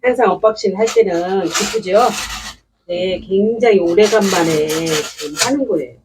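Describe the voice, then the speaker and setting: A woman's voice: fairly low pitch, normal speed, recorded from a distance, noisy background. A woman unboxing succulent plants at home in a chatty, delighted way, exclaiming often. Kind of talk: casual unboxing commentary. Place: indoors at home.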